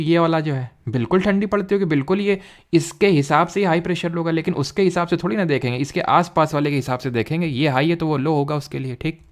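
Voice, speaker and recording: A man teaching an exam-prep geography lesson, explaining while he draws and repeating key terms. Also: a little high.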